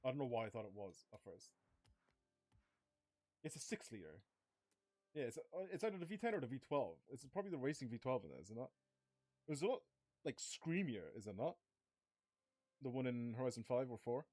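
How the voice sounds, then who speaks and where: This gaming streamer, a young man, gives loose live commentary while playing a racing game, his mid-range, darkish voice very animated and fairly quick but broken by long pauses. He chats with viewers, rambles, curses a lot and admits he's losing his voice. It's studio-quality audio with no room sound.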